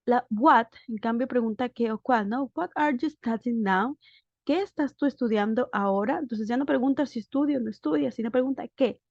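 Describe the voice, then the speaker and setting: A slightly high, somewhat mellow female voice with no echo leads a recorded grammar lesson over slides. She's an English teacher voicing over a screen recording, explaining things step by step and patiently asking questions to check understanding. The audio is dull, dry, and lo-fi.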